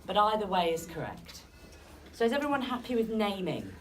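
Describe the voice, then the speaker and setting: A woman's voice: medium pitch, wildly swooping pitch, brisk. A woman teacher leading a classroom lesson, asking students questions and encouraging their answers. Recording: distant classroom recording with noise.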